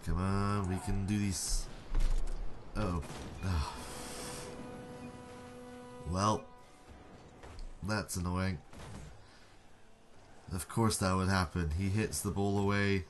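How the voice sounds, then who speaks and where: A man's voice: sits low, fairly even intonation, takes it slowly, long pauses, music in the background. A young man giving casual, sarcastic running commentary over a car-football game, mocking himself and his teammates. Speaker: gaming YouTuber.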